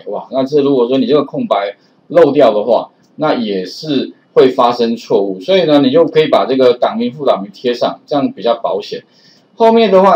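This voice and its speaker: A man's voice: mid-range voice, a little mellow. Chatty man teaching coding, lo-fi audio. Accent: Taiwanese Mandarin. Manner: chatty, frequent filler "哦", repeats warnings. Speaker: programming teacher. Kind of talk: screen-recorded coding lesson. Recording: slightly dull lo-fi recording.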